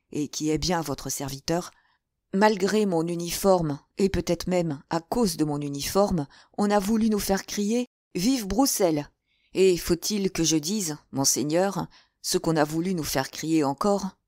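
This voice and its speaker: A woman's voice: sits low, a little mellow, dry recording. Woman voicing brash fearless musketeer, emphatic, dry close sound, audiobook. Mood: wry. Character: bold, cool-headed male musketeer officer.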